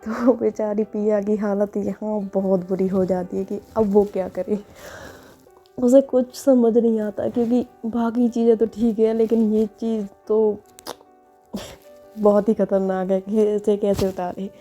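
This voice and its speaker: A woman's voice: mid-range voice, flat delivery, unhurried, dark tone, dull audio, soft background music. A woman telling a romance story in a chatty, conversational way. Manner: chatty, conversational, frequent "na" tags. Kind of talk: casual story narration.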